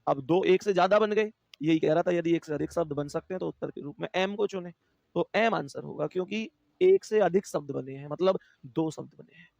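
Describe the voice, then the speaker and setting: A man's voice: a little high, a little fast, creaky, no echo, lo-fi sound. A male teacher with a Hindi accent giving an online exam-prep class, explaining step by step, repeating himself and counting aloud to his students. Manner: addresses students warmly as dear friends.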